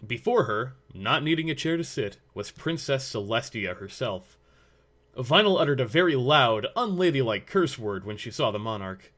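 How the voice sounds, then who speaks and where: A man narrates a story from a script in an average male pitch. His reading is expressive and a bit bright, delivered at a normal speed.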